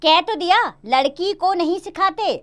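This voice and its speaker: A woman doing a gruff, coughing village father. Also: very high voice, unhurried, voice pushed up. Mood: scolding. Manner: scolding, insistent.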